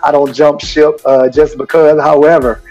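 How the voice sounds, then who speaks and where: A man, a high school basketball coach, answering interview questions in an earnest, rambling way full of fillers. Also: little pitch movement, normal speed, highs cut off, loud music behind the voice. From Houston, Texas.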